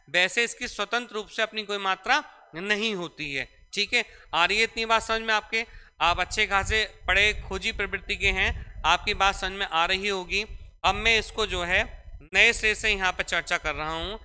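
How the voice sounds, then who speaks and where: A man's voice: sits high, pushed and bright, smooth. A young man teaching grammar in a classroom lecture. He explains step by step, repeats key points and calls his students "beta". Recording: echoey room with long reverb.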